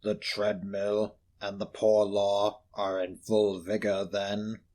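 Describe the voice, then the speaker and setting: A man voicing a miserly, bitter old moneylender in a low, growling, half-whispered voice, in a storybook reading. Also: monotone, slow, darkish tone. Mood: curt, grumbling.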